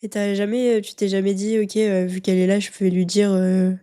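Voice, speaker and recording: A woman interviewer asking gentle, hesitant questions with soft fillers. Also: mid-range voice, flat delivery, brisk, clear, resonant tone.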